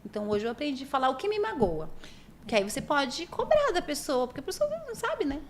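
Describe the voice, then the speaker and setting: A woman's voice: high voice, fast, slight background noise. A woman, a podcast guest talking earnestly and emotionally in a casual interview. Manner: earnest, emotional, lively intonation.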